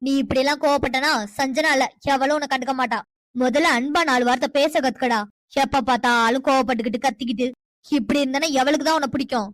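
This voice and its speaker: A woman's voice: high voice, steady tone, quick pace, dry recording, lightly acted. A woman doing a domineering cartoon mother. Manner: scolding, commanding. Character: domineering scheming mother of a grown son. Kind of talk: cartoon voice acting.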